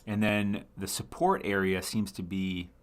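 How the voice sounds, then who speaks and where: A man's voice: sits low, little pitch movement, unhurried, smooth. A man hosting a casual live stream, thinking aloud as he analyses charts, answering viewers and often correcting himself mid-sentence. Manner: thinks aloud, rambling with frequent self-corrections; reads viewer comments and answers them. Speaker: livestream host.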